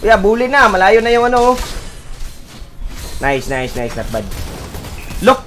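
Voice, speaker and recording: Guy with a high voice yelling calls at his team while he plays, laughing a lot, soft music under it. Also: very animated, a little slow. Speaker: gamer streaming a mobile battle game. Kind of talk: excited gameplay commentary.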